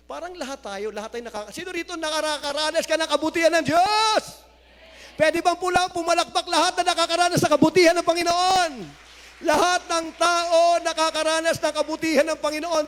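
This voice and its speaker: A male pastor preaching a sermon, mixing Tagalog and English and rising to loud exclamations of praise. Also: very high voice. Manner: mixes Tagalog and English, reads scripture aloud. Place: church hall. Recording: hall reverb.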